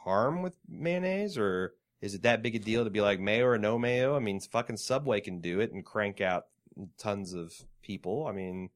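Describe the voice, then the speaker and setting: A man's voice: lowish voice, animated, normal speed, hardly any pauses. A man co-hosting a casual chat podcast, talking bluntly with plenty of swearing and sarcastic asides. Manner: blunt and profane, sardonic asides. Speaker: podcast co-host. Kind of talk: casual chat, reading a written account aloud.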